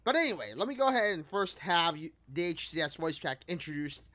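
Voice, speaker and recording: In a small room at home, a gaming video host gives a casual, lightly scripted game review that rambles, often repeating and rephrasing itself. His mid-range voice is very animated, a little fast and a bit bright, with music playing behind it.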